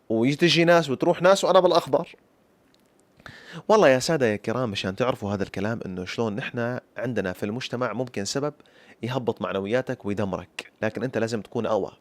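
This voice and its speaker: A young man with a Syrian accent tells his own story at a breakneck clip. He speaks like a traditional storyteller, turning to his listeners again and again. His voice is mid-pitched, and the sound is dry and close. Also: no room sound. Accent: Syrian Arabic. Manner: lively folk-tale storytelling with repeated flourishes addressed to listeners. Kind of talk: personal story told to camera.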